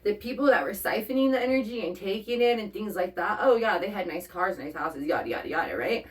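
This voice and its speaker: Woman tarot reader, casual and profane, middle pitch, sits back from the mic. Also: expressive, fairly quick. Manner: blunt and profane, checks in with "okay?" often. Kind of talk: casual spoken tarot reading to the viewer. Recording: voice a bit far from the mic.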